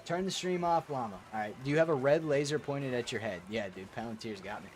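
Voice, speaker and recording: A man's voice: mid-range voice, expressive, fast talker, faint music behind. A young man streaming a kart racing game, reading chat aloud and answering in crude, profane banter. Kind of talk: casual gaming stream chat.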